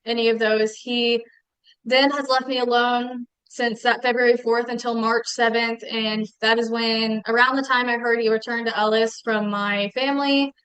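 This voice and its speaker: A woman giving a steady statement in court, reading out messages she received. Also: a little high, moderate pace, clean tone, dry recording, low-quality recording.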